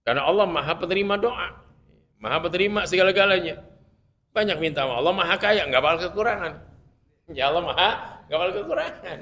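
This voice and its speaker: A man with a Betawi Jakarta accent leads a casual religious lesson in a bright, slightly high voice. He mixes Arabic readings with colloquial jokes, and his volume swings from loud to soft. The recording is muffled and low-fi. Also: animated, quick pace. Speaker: Islamic preacher teaching fiqh. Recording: muffled lo-fi sound.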